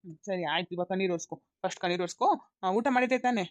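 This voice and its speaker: Young husband voiced by a woman, insistent, coaxing, very quick talk, dry close sound. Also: lowish voice, no echo, close to an everyday voice. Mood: soothing. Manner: insistent, coaxing, repeating himself. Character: young husband caught between wife and mother.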